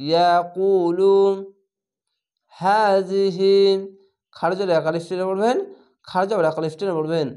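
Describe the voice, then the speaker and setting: A man speaking with a Bangladeshi Bengali accent teaches Quran reading by naming every letter and vowel mark before joining the syllables into a long, chanted word. His voice sits high and is slightly mellow.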